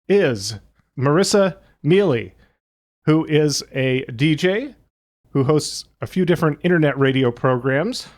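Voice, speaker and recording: A man co-hosting a podcast and introducing a guest in casual chat, jokey, animated and quick to laugh. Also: fairly high pitch. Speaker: podcast co-host.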